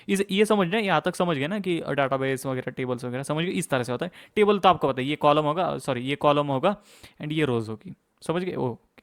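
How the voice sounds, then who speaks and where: A young man teaching a tutorial with a slightly raised voice. He talks quickly and casually, mixing English tech words into his speech and pausing often to check that the listener follows. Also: a little high. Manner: fast-talking, mixes English terms into Hindi, frequent "okay, theek hai" check-ins. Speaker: course instructor. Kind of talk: casual screen-share tutorial.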